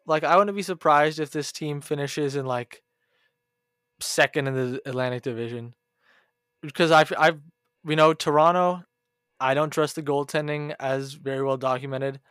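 A man co-hosting a casual sports podcast, talking hockey in an animated way. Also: mid-range voice, clear, resonant tone, no room sound, clean studio sound. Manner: animated, mimics fans in a whiny voice. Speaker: podcast co-host.

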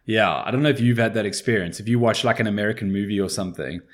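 A man's voice: fairly low pitch, racing. A man with a South African accent chatting informally as a podcast co-host about board games, rambling and slangy.

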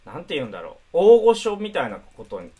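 A man hosting a casual live-stream chat, soft-spoken, laughing lightly and thanking viewers for their comments. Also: fairly high pitch, wildly swooping pitch, quick pace, husky. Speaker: host.

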